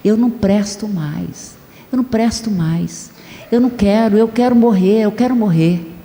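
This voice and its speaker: A woman preacher doing a broken young soldier who begs again and again, in a mellow voice. It is a sermon tale told in an echoey hall with a long reverb. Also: medium pitch, moderate pace, lightly acted. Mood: pleading. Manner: pleading, repetitive. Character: despairing young male wounded soldier.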